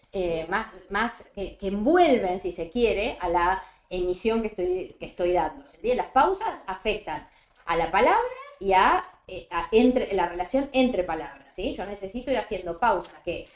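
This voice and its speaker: A woman with a Rioplatense Spanish accent giving a seminar lecture, explaining step by step and often checking with a quick "¿sí?". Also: a little high. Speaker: lecturer on reading fluency. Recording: roomy echo.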